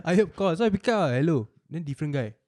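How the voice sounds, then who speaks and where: Young Singlish-speaking Singaporean man, higher-pitched. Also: lively intonation, fairly quick, a little mellow. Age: young adult. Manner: colloquial Singlish with lah and ah particles. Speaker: show co-host. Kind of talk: casual chat, telling anecdotes.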